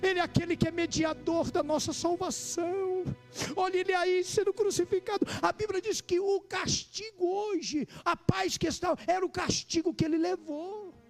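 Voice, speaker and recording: A man, preaching a sermon as pastor, with fervent delivery that climbs to shouting. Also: extremely high pitch, steady tone, moderate pace, faint music behind.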